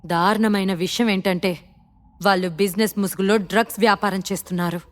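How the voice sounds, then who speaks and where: A woman voicing a quiet, furious male hero who speaks low and seriously in a storybook audio drama. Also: fairly even intonation, fairly quick, a little hiss or hum, natural voice. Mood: grim anger.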